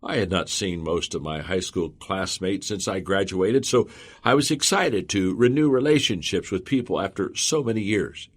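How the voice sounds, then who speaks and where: A man reading a motivational audiobook in the first person, earnest and measured. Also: low voice, expressive. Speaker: audiobook narrator. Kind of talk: scripted audiobook narration.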